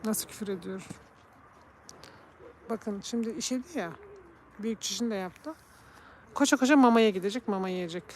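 A woman's voice: medium pitch, normal speed, pauses often, darkish tone. A woman from Turkey chatting casually on a live stream, talking about and calling to her cats. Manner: chatty, coos and calls to her cats in a raised voice.

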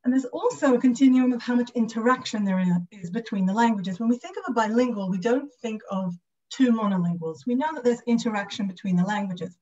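A woman's voice, a little high with a darkish tone, moves at a fairly quick pace through an academic lecture on a video call. She has a British accent, comes from the United Kingdom, and is a guest lecturer and speech and language pathologist. The audio is slightly dull.

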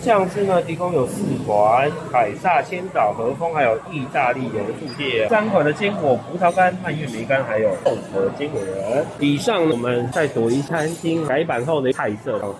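A food vlogger with a Taiwanese Mandarin accent walks through a busy hotel buffet in a noisy restaurant, with music in the background, listing each dish in turn. His voice is on the high side, animated and at normal speed with hardly any pauses, and he keeps tacking on little tags like "ha" and "a."

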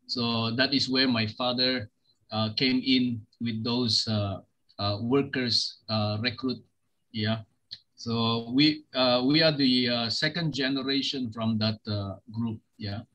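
A man's voice: medium pitch, fairly even intonation, slow, sharp tone, poor audio. A man from Sabah, East Malaysia, sharing his testimony as a pastor over a video call, hesitant and full of fillers. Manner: hesitant, many fillers, switches between English and Malay. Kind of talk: testimony sermon with scripture reading.

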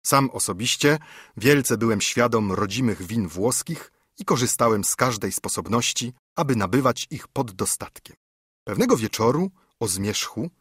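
A man narrating an audiobook in a measured, formal way. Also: fairly low pitch, lively intonation, a bit bright, breathy edge, no echo, studio quality.

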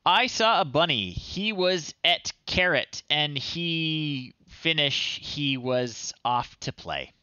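A male livestream host with a bright, clear, fairly high voice talks slowly with lively intonation, sounding unhurried and amused and halting with pauses. He gives casual livestream commentary and reads children's stories aloud. The recording, made indoors in a small home room, is dry and muffled.

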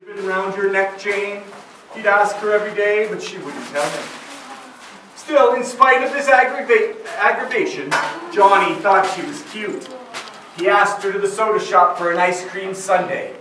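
A man's voice: sits high, animated, normal speed. A man telling ghost stories at a Halloween party, with a dramatic, suspenseful delivery. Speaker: storyteller. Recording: echoey room from far off, noisy.

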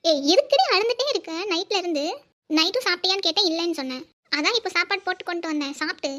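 A bossy young elder sister in a cartoon, voiced by a woman, scolding in a very high, squeaky voice. She rattles off her complaints quickly and bickers without pause. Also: sharp tone. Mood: bickering. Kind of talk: cartoon voice acting.

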